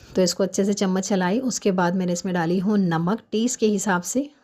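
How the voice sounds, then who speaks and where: A woman doing a hurried, chatty cooking voice-over while fasting, explaining each step at home. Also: medium pitch, fairly even intonation, darkish tone. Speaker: home cook vlogger.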